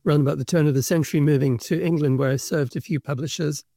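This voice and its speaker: A middle-aged South African man tells his story in a steady, thoughtful way, pausing to pick his words. His voice sits a little high for a man. The sound is close and dry, with no room around it. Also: no room sound. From Kenya and South Africa. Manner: measured, thoughtful storytelling with pauses. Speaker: guest, book publisher's representative. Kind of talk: conversational podcast interview.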